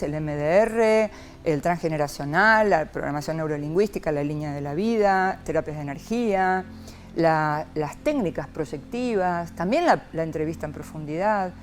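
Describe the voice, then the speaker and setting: Woman, psychologist, low pitch, lively rhetorical asides, soft background music. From Argentina. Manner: expressive, lively, frequent rhetorical "¿no?". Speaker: psychologist, interview guest. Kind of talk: reflective interview talk.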